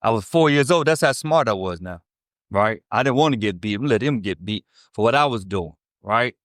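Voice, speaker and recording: A man with a lowish, expressive voice, a bit bright and at normal speed, testifies to a recovery meeting on a dry, clean studio recording. In his fifties and from Chicago's South Side, he speaks with a Chicago accent, bluntly and profanely, with a streetwise edge and plenty of "right?" asides.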